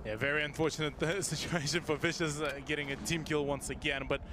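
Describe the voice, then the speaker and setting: A man's voice: fairly high pitch, fairly even intonation, fast. A man giving live esports commentary in a wordy, analytical way. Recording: faint background noise.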